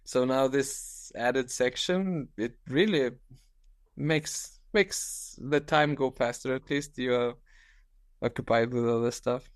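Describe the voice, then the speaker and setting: A man in his thirties with a Lithuanian accent, a guest on a video call interview, speaking haltingly with frequent restarts and easy laughter. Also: mid-range voice, no echo, studio quality. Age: 30s. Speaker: guest, ultra-distance cyclist. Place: small room at home, indoors.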